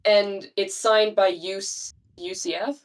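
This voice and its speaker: A woman's voice: mid-range voice, steady tone, slow, distant mic. A woman playing a tabletop game, unsure and apologetic as she checks the details. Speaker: player. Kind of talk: casual tabletop game talk.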